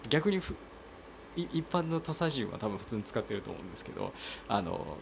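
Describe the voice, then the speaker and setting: A man's voice: lowish voice, sing-song, fairly quick, vocal fry, noisy background. A man from Kochi with a Tosa accent, hosting a casual solo talk and hesitating with many fillers and restarts. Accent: Tosa dialect. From Kochi, Japan. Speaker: podcast host.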